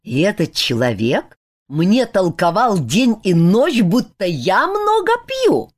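A woman's voice: lowish voice, sing-song, a little slow, a little mellow. A woman reading a huge, blunt warrior who growls and scolds with open scorn. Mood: angry, scornful.

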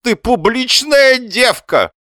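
A man voicing a pompous, self-pitying middle-aged husband who whines in a high, nasal, drawn-out declaiming voice. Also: lively intonation, bright, forceful tone, no room sound, clean studio sound, full character voice. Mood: theatrical lament.

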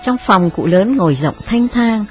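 Một người phụ nữ kể truyện đọc, giọng đều đặn, giọng miền Trung. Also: female voice, mid-range voice, lively intonation, moderate pace, faint music behind. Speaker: narrator. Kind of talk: audiobook narration.

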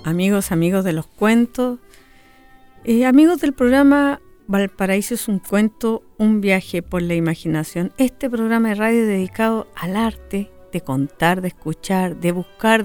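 A woman's voice: mid-range voice, a little slow, darkish tone, soft background music. Woman radio host. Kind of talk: radio presenting.

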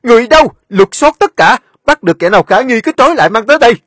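A man's voice: extremely high pitch, very animated, quick pace, fairly bright tone, dry recording, studio quality, pitched above the performer's own voice, full character voice. A man voicing a stern, commanding middle-aged village chief barking orders. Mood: furious.

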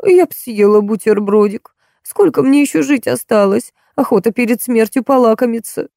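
A woman's voice: on the high side, normal speed, gravelly, dark tone, no room sound, clean studio sound, pitched above the performer's own voice. A woman reading an audiobook, voicing a whining, begging old woman with a cracked, tearful voice. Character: whiny, wheedling old woman, a drinking pensioner.

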